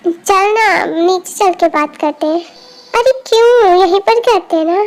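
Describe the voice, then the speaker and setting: A chatty, nosy young woman friend who pushes and pries, as a woman puts her on. The voice is very high, a fan audio drama dub. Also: measured pace. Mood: pushy. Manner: pushy, chatty.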